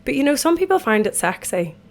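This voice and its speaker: Sitting in an empty bathtub at home, a twenty-something Irish woman rambles through her casual solo podcast, poking fun at herself, her voice croaky from a night out. Her voice sits high, and she's very animated and brisk.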